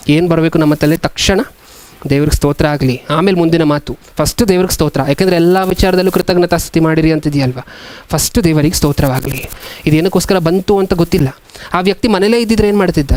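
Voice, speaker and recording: A man preaching a sermon as a pastor, asking the congregation many questions and reading scripture slowly. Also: fairly high pitch, darkish tone, no echo.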